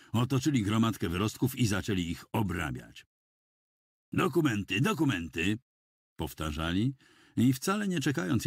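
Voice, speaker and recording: A man reading a first-person audiobook in a measured, dramatic storytelling manner, close to a studio mic. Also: low voice, breathy edge, dry recording. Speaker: audiobook reader.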